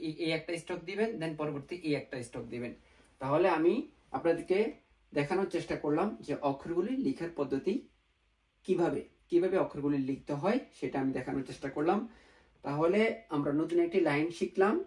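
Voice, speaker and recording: A man teaching a beginner Japanese lesson at a whiteboard, patient, slowly repeating each sound. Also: a little high, darkish tone, recorded from a distance, rough recording.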